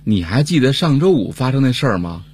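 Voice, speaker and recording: A man's voice: medium pitch, sing-song, fairly quick, music in the background. A man co-hosting a comedy show, telling a funny story in scripted banter. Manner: comic storytelling, acting out a neighbor's lines. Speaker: co-host.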